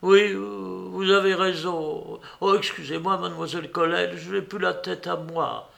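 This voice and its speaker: A man putting on a shrill, flustered old cook. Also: steady tone, unhurried, vocal fry, fairly bright tone, exaggerated voice. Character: excitable older female cook, breathless gossip. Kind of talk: audiobook character reading.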